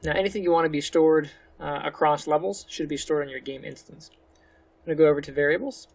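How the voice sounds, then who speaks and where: A man hosting a casual screen-recorded game development tutorial, his voice gravelly and pitched a touch high. He speaks relaxed and a little slurred, talking through each click with easy fillers. He sounds close to a desktop mic. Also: brisk. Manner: relaxed, slightly slurred speech; talks through each step with fillers like "go ahead".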